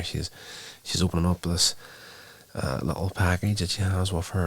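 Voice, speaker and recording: A man's voice: low voice, gravelly, a bit bright, slightly rough. A man hosting his own show, casually retelling a TV episode in a loose, rambling way with many fillers. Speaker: show host reviewing a TV episode. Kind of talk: casual spoken recap.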